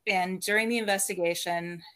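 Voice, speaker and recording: A woman's voice: fairly low pitch, steady tone, brisk, fairly bright tone. A woman guest on a podcast, casually telling stories about her paranormal work and laughing often between sentences. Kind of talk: casual storytelling interview.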